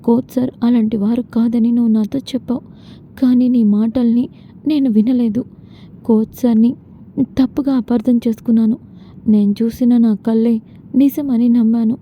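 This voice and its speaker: A woman's voice: fairly high pitch, fairly even intonation, normal speed, lightly acted. A woman voicing a grieving, remorseful young bride in a retold serial. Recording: dull lo-fi with faint noise.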